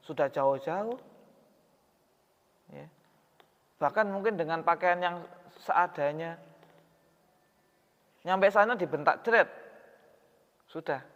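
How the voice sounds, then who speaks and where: Preacher in an echoing hall. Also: male voice, fairly high pitch, fairly bright tone. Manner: conversational, asks the audience questions. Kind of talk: sermon. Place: mosque hall. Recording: reverberant hall, dull sound.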